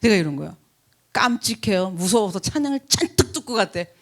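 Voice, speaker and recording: A middle-aged woman pastor telling a chatty, animated story in a sermon, acting out the people she quotes. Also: mid-range voice, a little fast. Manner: chatty, animated anecdote with laughs and acted quotes. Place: church.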